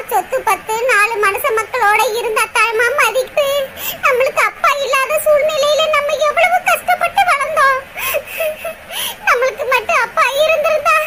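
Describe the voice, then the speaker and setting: Woman doing a motherly scolding elder sister. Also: extremely high pitch. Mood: consoling. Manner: scolding yet tender, half-laughing through sorrow. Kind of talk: cartoon voice acting. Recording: loud background noise.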